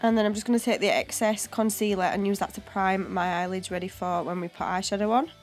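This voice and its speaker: This beauty vlogger, a young woman with a cold, chesty voice, talks quickly through a makeup tutorial voiceover with faint music behind her. Her mid-range voice has fairly even intonation, and she explains each step casually and chattily on a home voiceover mic.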